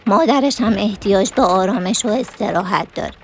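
A woman reading a story voices a pious old grandmother who speaks calmly and reassuringly. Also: medium pitch, a little hiss or hum, lightly acted. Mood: soothing. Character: older traditional grandmother, pious and soothing.

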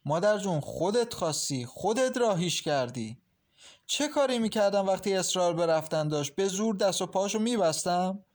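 A man's voice: sits high, lively intonation, pitched above the performer's own voice. A worried, pleading mother, as a male narrator puts her on. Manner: pleading, reproachful.

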